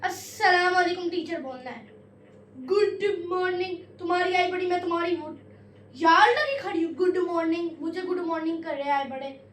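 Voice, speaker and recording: A woman with a very high voice teaches a classroom lesson, strict and scolding in between, drawing out each verse line slowly as she reads. She sounds far from the mic in an echoey room, with a faint hum of ambience behind her. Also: fairly bright tone. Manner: slow drawn-out verse reading. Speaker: Urdu teacher.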